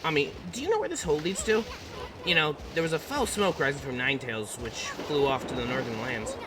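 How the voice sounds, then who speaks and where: A man voicing a tiny brash male sprite companion in a video game, loud and griping, with game music behind him. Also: a little high, animated, brisk, background noise, lightly acted. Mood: uneasy.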